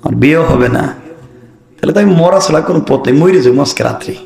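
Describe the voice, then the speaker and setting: A man's voice: a little high, expressive, fast, gravelly, darkish tone. A man preacher quoting a distressed young bride-to-be in a near-plain voice. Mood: worried. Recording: echoey open-air PA sound.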